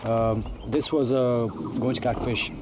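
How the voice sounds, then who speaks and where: A man's voice: medium pitch, fairly even intonation, takes it slowly. A man talking matter-of-factly in an unscripted conversation, explaining details, recorded outdoors. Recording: noisy outdoor location sound.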